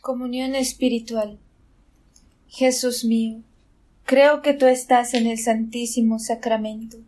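A woman reading a devotional prayer aloud in a measured, solemn manner. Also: on the high side, fairly even intonation, dark tone. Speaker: prayer reader.

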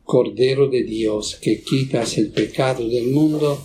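Slow, mellow priest leading Mass. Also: male voice, mid-range voice, reverberant, distant mic. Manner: measured, reverent recitation.

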